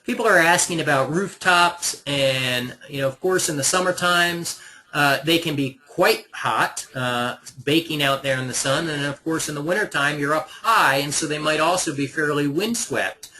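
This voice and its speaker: A man's voice: a little high, normal speed, sharp tone, rough recording. A man moderating a webinar, reading out audience questions with many hesitant fillers.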